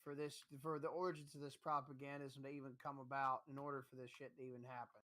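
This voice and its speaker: A man's voice: medium pitch, flat delivery, quick pace, sharp tone. A man co-hosting a stream, talking bluntly and profanely and stumbling over his words as he explains. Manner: blunt, profane, stammering restarts. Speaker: co-host. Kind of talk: casual stream commentary.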